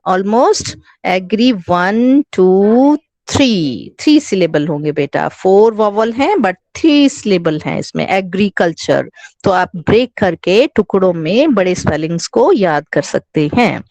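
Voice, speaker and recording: A very animated woman with a medium-pitched, slightly mellow voice and an Indian accent teaches an online English class for children, recorded on her class microphone with no room sound. Her pace is slow and patient as she mixes Hindi with English, spells words letter by letter, and addresses the children as "beta".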